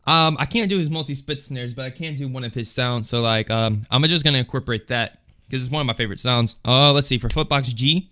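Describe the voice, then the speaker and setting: A man of ordinary pitch hosts his own beatboxing channel. He talks in a loose, unscripted way, sprinkling in curses as he addresses his viewers directly. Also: fairly quick, bright, forceful tone. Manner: loose, chatty and swears freely. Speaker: beatboxer vlog host. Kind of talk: casual vlog chat.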